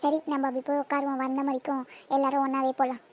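A high, girlish cartoon voice that rattles along at a fast clip, as a woman plays her. She is a cheeky, bossy schoolgirl who teases the boys without pause. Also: completely flat delivery, lightly acted. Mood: teasing. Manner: quick, teasing, bossy. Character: chatty teasing schoolgirl Akshaya. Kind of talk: cartoon voice acting.

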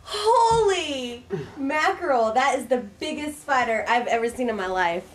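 A young woman chatting excitedly and full of exclamations on a casual home video. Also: high-pitched, unhurried. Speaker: horror show host. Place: small room indoors at night. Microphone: camera mic. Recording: noisy home camcorder recording.

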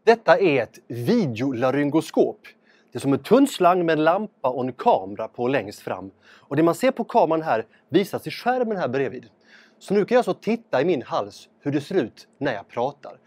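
Calm man talking with a scope in his throat. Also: fairly high pitch, no room sound. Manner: calm, step-by-step explaining to viewers. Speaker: presenter demonstrating a laryngoscope. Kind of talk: explanatory demonstration. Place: ear, nose and throat clinic room.

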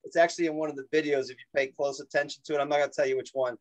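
A man with a New York accent, a basketball coach walking through zone offense plays on a video call, animated and joking, often repeating words as he talks. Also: fairly high pitch, very fast, poor audio. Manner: animated, repeats words, self-deprecating jokes. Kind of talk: coaching clinic explanation.

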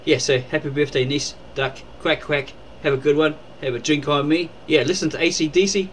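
A man's voice: fairly high pitch, steady tone, a little fast, fairly bright tone, a little hiss or hum, poor audio. A man rambling casually in a birthday video, full of fillers, recorded indoors at home. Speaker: uncle making a birthday video.

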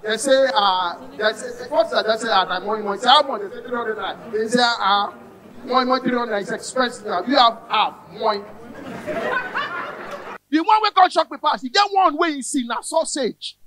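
A man with a Nigerian accent doing stand-up comedy in Pidgin and English on a cinema stage. He talks loud and punchy, shouts his punchlines and slips into the voices of the people in his stories. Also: very high-pitched, normal speed, crowd noise. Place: cinema hall stage with a live audience. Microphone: handheld mic. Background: audience laughter.

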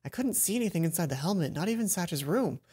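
Reading a visual novel aloud on his headset mic, a young let's play streamer speaks fast in a high-pitched, mellow, husky voice with lively intonation. He's playful and self-mocking, stumbling over words in his asides. Game music is audible behind him.

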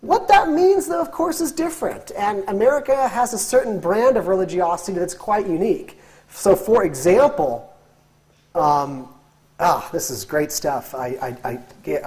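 High-sitting and a little mellow, this man's voice belongs to a guest lecturer in his thirties. He talks animatedly in a whiteboard classroom through a lapel mic, restarting often and using fillers, during a lecture that takes audience questions.

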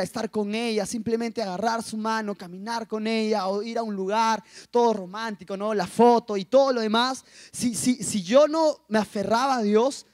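A young man in his twenties shares a personal testimony with a school assembly. His voice sits high for a man, and he tells the story with emotion, acting out the quotes as he goes. The sound is close and dry. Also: a little mellow, no room sound. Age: 20s. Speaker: youth speaker.

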